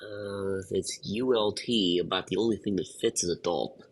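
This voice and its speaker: A man with a lowish, gravelly voice, congested and under the weather with a cough. He talks through a word puzzle casually, muttering and pausing as he thinks aloud. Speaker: host of a daily word puzzle video.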